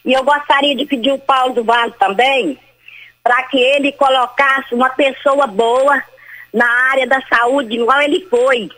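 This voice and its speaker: An older woman phones in to a radio program, her high voice heard through the phone line. She talks in a rambling, insistent way and keeps circling back to the same points. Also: fairly even intonation, unhurried, fairly bright tone. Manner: rambling and insistent, repeats herself. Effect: heard over a phone line. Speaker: caller to a radio show. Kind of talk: call-in complaint.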